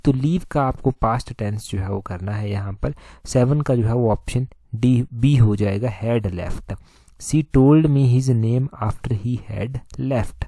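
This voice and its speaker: A man, teaching by working through an exam paper, reading each question slowly and repeating the answers. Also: medium pitch, warm tone, no echo, studio quality. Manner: explanatory, repeats answers, slows to read questions aloud. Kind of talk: solving an exam paper aloud.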